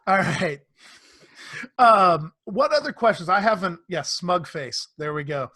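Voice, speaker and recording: A man hosting a casual online panel discussion, animated and quick to laugh, acting out quotes in playful voices. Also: high-pitched, dry recording. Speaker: panel host.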